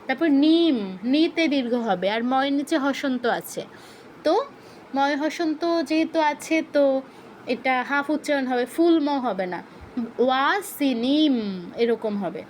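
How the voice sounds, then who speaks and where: A woman with a high voice leads an online class over a video call, stretching out chanted verse lines slowly so students can follow. She patiently corrects pronunciation and quizzes the class with questions, against a faint hiss of background noise. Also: animated, darkish tone. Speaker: teacher.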